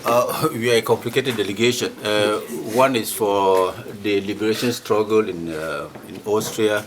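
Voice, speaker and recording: A man's voice: on the low side, moderate pace, background noise. A man introducing his delegation at a meeting, lightly humorous and earnest. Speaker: delegation head. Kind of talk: formal self-introduction.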